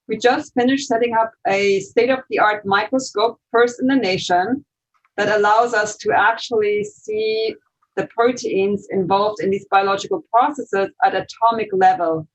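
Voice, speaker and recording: A woman from Switzerland, a research scientist, explaining her work fluently over a video call from her office. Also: medium pitch. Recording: dull lo-fi video call audio.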